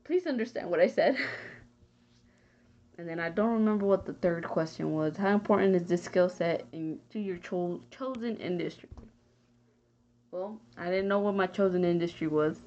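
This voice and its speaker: A woman's voice: on the low side, moderate pace, pauses often, a little mellow. A young woman from Texas giving a casual, rambling spoken answer for a class, often hunting for words and trailing off. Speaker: student. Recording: dull lo-fi home recording.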